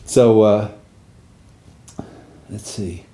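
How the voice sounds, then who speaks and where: A man in his sixties, a war veteran, recalling his past in a halting way, with restarts and trailing pauses. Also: lowish voice, steady tone, mellow. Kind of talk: personal recollection.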